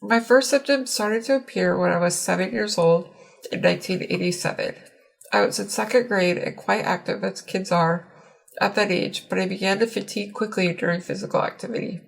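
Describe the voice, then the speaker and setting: A woman's voice: mid-range voice, a little fast, gravelly. A woman in her forties reading prepared personal testimony, her voice muffled by ventilation as if her mouth were covered. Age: 40s. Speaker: patient giving testimony.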